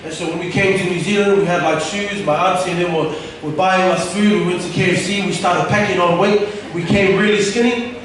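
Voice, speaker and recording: A man's voice: high-pitched, steady tone, fairly quick, hardly any pauses, a little hiss or hum. A young man from Tonga telling his life story as a church testimony on a stage with a handheld mic, casual and rambling with many fillers. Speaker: church member giving testimony. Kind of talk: personal testimony talk. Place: church stage, large room. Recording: echoey hall from far off.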